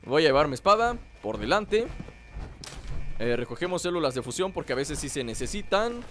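Fairly high and fairly bright, his voice stays very animated and fairly quick as this Mexican-accented gaming host plays. He offers casual, rambling commentary, joking with himself and viewers while game noise runs behind him.

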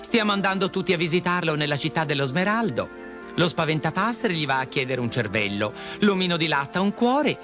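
A man doing a plucky little girl, scolding, lively and raised in pitch, music underneath. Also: a little fast. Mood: earnest. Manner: indignant and earnest. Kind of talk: storybook character voice.

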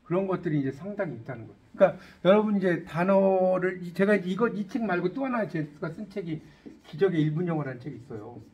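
In a high, fast voice with the highs cut off, a middle-aged man runs an English class in Korean. He quizzes his listeners energetically and jokes throughout.

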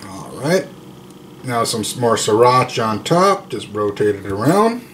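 Lively in intonation, medium in pitch, and a little bright, this thirties-aged cooking vlog host jokes around slowly as he cooks and tastes indoors in his home kitchen and dining room. He chews between remarks, and a faint hiss or hum runs underneath.

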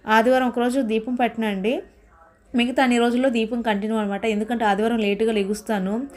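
Woman, Telugu accent, slightly high voice, rapid pace, chatty homely vlog narration. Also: little pitch movement, darkish tone. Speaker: host of a home vlog. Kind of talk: casual daily-life vlog narration.

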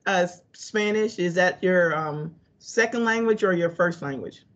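A middle-aged woman who hosts seminars conducts an informal interview over a video call, speaking at a normal speed in a lowish, fairly bright voice. Her video call microphone gives dull, lo-fi audio.

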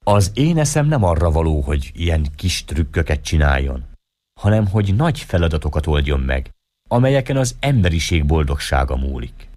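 A man's voice: very deep voice, very animated, a little mellow, no room sound, exaggerated voice. A man voicing a proud European man who lectures earnestly about his intellect, in an audiobook reading. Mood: insistent.

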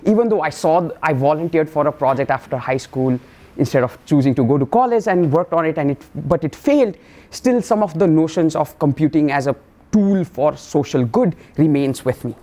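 A man's voice: on the high side, expressive, dark tone. Man giving a lecture. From Nepal. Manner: measured, explanatory, frequent "uh" fillers. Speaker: professor giving a colloquium talk. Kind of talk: academic lecture. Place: classroom lecture room.

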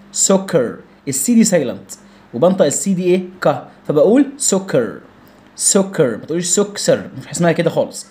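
A man's voice: fairly high pitch, dark tone. A young man with an Egyptian accent teaching English vocabulary in an online lesson, drilling pronunciation with repeated words and rhetorical questions. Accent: Egyptian Arabic.

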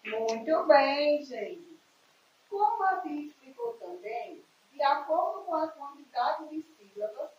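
A woman's voice: high-pitched, slight background noise. A woman teaching a primary school lesson with a Brazilian Portuguese accent, talking sweetly to children with lots of diminutives. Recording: echoey, distant and dull home video.

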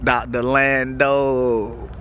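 A man's voice: mid-range voice, level tone, drawn-out words, fairly bright tone, highs cut off, a little hiss or hum. A man from Texas with a Texas accent, talking casually to his viewers outdoors at night in a loose, laid-back way, with lots of "you know what I'm saying.". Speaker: vlogger. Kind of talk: casual vlog update.

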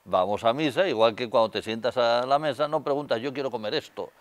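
An older man from Spain, speaking with a Spanish accent, tells stories as a guest in a TV studio interview, wearing a lapel mic. He gestures with his hands and uses many fillers, his mid-range voice brisk in a dry recording.

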